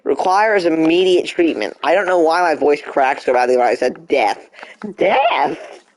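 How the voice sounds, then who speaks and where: A man's voice: on the high side, normal speed. A young man streaming a game, chatting casually and talking back to the game in mock frustration. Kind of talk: casual live gameplay commentary.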